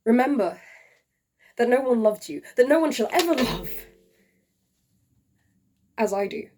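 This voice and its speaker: A woman performing a dying, lovesick male soldier-poet in a hushed, half-whispered, heartfelt farewell monologue. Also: fairly high pitch, very animated, pitched above the performer's own voice. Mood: grieving, tender. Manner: tender, grieving, slow and heartfelt. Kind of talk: dramatic monologue reading.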